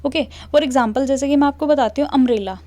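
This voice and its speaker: Young Indian woman, patient English teacher, slightly high voice with a mellow tone, checks in often. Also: fairly quick. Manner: patient, checks understanding with "okay" and "clear?". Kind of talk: classroom explanation.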